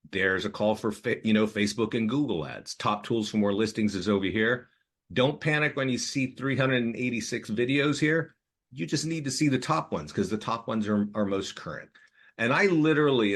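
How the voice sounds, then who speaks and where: A man hosting a live online training, talking fast with frequent restarts and pitching tools to real estate agents. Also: fairly bright tone. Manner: rapid, repetitive, restarts often. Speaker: webinar host.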